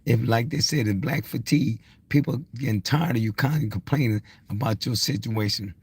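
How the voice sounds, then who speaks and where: A man around sixty delivers a blunt, insistent motivational rant for social media, unscripted and hammering his points through repetition. His mid-range voice is husky, slightly mellow, and a little fast, recorded with no room sound.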